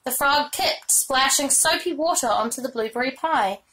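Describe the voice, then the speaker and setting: A woman reads a children's chapter book aloud, telling the story with expression. Her voice is bright and higher than usual. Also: lively intonation, moderate pace, a little hiss or hum, poor audio. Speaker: reader.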